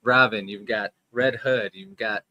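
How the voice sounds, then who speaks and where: A man's voice: lowish voice, fairly even intonation, a little slow, pushed and bright, no room sound, dull audio. Chatty, rambling man hosting a live chat. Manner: chatty, rambling, laughs often. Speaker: host. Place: storage room next to a furnace.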